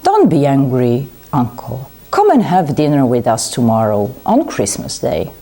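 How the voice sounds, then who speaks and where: A woman voicing a cheerful, kind young man in a storybook reading, with bright exclamations and gentle pleading. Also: a bass voice, sing-song, unhurried, heavily acted.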